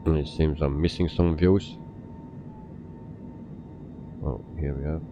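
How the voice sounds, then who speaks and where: A man's voice: fairly even intonation, slow pace. A man from Belgium giving casual commentary while live streaming a flight simulator. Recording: muffled mic with faint engine rumble. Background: aircraft rumble.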